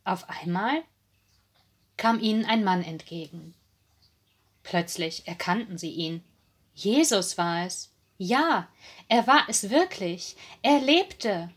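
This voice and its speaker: A woman narrating a Bible story for listeners in a slow, dramatic, expressive reading style. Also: medium pitch, breathy edge.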